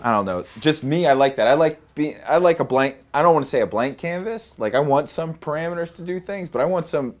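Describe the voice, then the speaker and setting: A man's voice: a little high, lively intonation, fairly quick, few pauses. Man chatting loosely on a podcast. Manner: loose, filler-heavy, joking. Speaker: podcast co-host. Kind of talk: casual chat.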